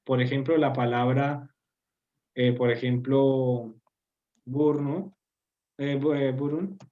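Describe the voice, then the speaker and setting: A man's voice: mid-range voice, fairly even intonation, slow, dull audio. A man teaching a language lesson to an online group, patiently explaining with frequent fillers and checking understanding with tag questions. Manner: hesitant, many fillers. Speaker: Turkish teacher. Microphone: video call.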